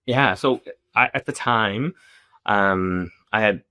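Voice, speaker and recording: Slow and fairly low, his voice comes across sharp and clean as this middle-aged company founder from Zambia chats on a podcast. Restarts and fillers pepper his casual answers, and the studio recording has no room sound.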